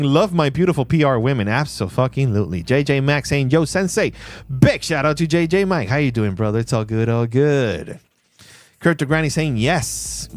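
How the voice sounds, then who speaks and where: A man hosting a casual livestream, playful and laughing often while he reads chat shout-outs. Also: on the high side. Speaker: livestream host. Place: in Puerto Rico.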